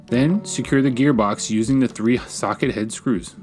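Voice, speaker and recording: A man, a woodworking channel host, giving calm, measured step-by-step voice-over instructions. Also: medium pitch. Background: faint guitar music.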